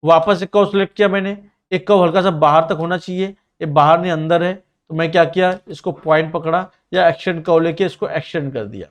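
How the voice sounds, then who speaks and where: Speaking with a Mumbai Hindi accent, this slightly high-voiced man records his screen as he teaches learners to design a ring in CAD software. He calls out each command and click along the way, keeping things straightforward and direct, though by his own account he can speak quickly at times.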